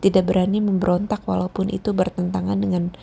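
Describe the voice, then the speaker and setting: A woman reading the part of a patient doctor and mentor in a storybook, gentle and explanatory. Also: medium pitch, flat delivery, fast, gravelly, slightly rough. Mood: calm.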